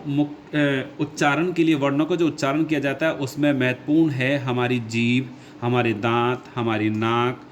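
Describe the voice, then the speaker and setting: A man teaching a lesson at an unhurried pace. He repeats key points and poses questions that he then answers himself. His voice sits at a middle pitch, with faint background noise on the recording. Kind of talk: classroom lesson explaining grammar.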